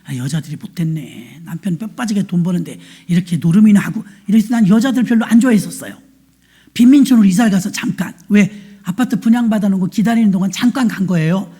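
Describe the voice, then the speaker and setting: A woman's voice: mid-range voice, quick pace, dark tone, husky. A woman pastor telling a story in a sermon, plain-spoken and colloquial, acting out the voices of the people in it. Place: church.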